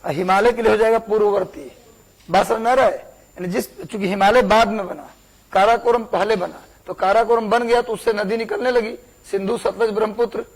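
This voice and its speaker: A man's voice: high voice, steady tone, a little fast, poor audio. A young man, teaching a class, repeating words for dictation and asking the students questions. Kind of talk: classroom lecture.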